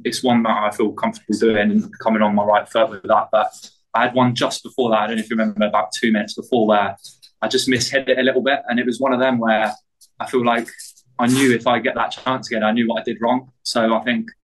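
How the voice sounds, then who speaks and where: A soccer player giving hesitant post-match answers to the press, full of fillers and restarts. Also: male voice, fairly low pitch, a bit bright, poor audio.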